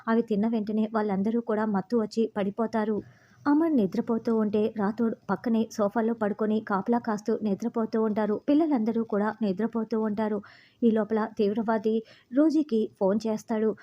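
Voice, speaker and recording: A woman narrating a story recap in a steady, running storytelling manner. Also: fairly high pitch, brisk, dull audio. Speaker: narrator retelling a TV serial.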